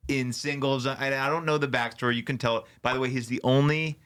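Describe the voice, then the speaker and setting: A man's voice: medium pitch, fairly even intonation, quick pace, a bit bright, clean tone. A man co-hosting a podcast in casual chat, asking pointed, probing questions. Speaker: podcast co-host.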